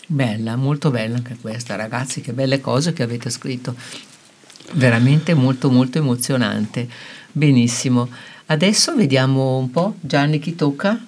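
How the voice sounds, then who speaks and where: A woman's voice: extremely low pitch, moderate pace, darkish tone. A woman hosting a casual chat, encouraging young guests and asking them questions. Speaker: host.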